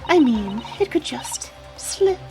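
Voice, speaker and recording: A woman voicing a smug, condescending English villainess in a fan game dub, breathy and slowly taunting. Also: high-pitched, big pitch swings, mellow, soft background music, pitched above the performer's own voice, exaggerated voice. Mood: mocking. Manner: taunting, drawn-out sneering delivery.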